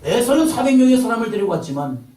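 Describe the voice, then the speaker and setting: A man's voice: extremely high pitch, sing-song, quick pace, recorded from a distance. Fiery preacher man in an echoey hall. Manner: impassioned preaching, acts out God's voice with sudden loud rises. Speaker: pastor. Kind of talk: sermon. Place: church sanctuary.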